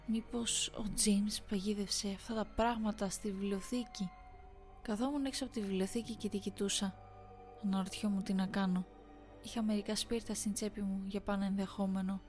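A woman narrating a first-person horror story in a steady reading voice, sometimes addressing listeners directly. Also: mid-range voice.

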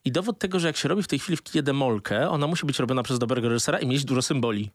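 A man's voice: mid-range voice, racing, no echo, studio quality. A man co-hosting a casual film review chat, making wry, short remarks.

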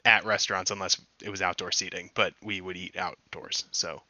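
A man's voice: deep voice, steady tone, normal speed, sharp tone, no echo. A young man co-hosting a casual podcast, giving his opinions in a mildly exasperated way. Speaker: podcast co-host. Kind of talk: casual chat.

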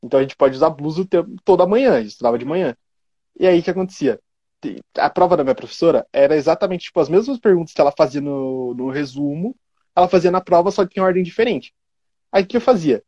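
A man's voice: a little high, animated, mellow, no echo, muffled recording. A young man, telling school stories in casual chat and acting out the quotes. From Curitiba, Brazil. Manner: quick, laughing storyteller who acts out quotes.

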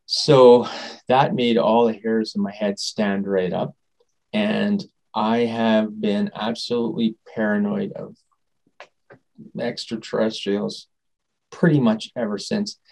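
A man being interviewed as a guest, telling a personal story in a rambling, animated way and often trailing off and restarting. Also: on the low side, slow pace, gravelly, poor audio. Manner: animated, acts out quoted dialogue.

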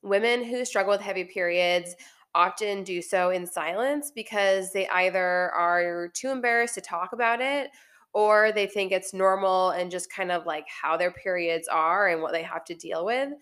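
A woman's voice: on the low side, normal speed, a bit bright, clear, resonant tone. A woman with a slightly congested voice hosting a health podcast, explaining things in a friendly, casual way. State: congested, recovering from illness. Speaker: podcast host, naturopathic doctor.

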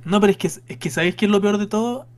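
A man's voice: high voice, racing. A young man co-hosting a podcast, joking and mock-exasperated in casual chat. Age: young adult. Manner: playful, laughing, mock-exasperated. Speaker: podcast co-host.

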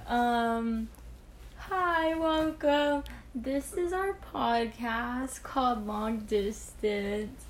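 A woman's voice: a little high, extremely slow. A teenage girl co-hosting a casual podcast with her boyfriend, giggling often and talking a little awkwardly. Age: teens. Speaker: podcast co-host.

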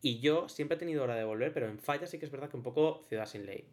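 A man's voice: medium pitch, fast. Young guy from valencia rambling in a group chat, keeps restarting his sentences. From Valencia region, Spain.

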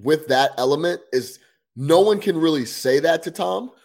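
A man's voice: fairly high pitch, animated, normal speed, vocal fry, a little mellow. A man co-hosting a sports podcast, chatting casually about football with profanity and frequent restarts. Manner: conversational, profane, stumbles into restarts.

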